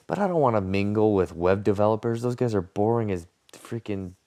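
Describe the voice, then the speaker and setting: A man's voice: fairly low pitch, animated, a little fast, mellow, no echo, studio quality. A young man telling a work story in a casual, sarcastic, ranting way, mocking his bosses. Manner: sarcastic ranting, mocks bosses in put-on pompous voices.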